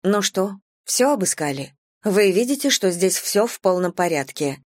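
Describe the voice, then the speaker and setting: Женщина в роли сдержанной молодой женщины, сухой, отрывистый тон, в аудиокниге. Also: female voice, medium pitch, sing-song, normal speed, a little mellow, dry recording. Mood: curt. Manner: dry, clipped. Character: dry restrained young woman Valya.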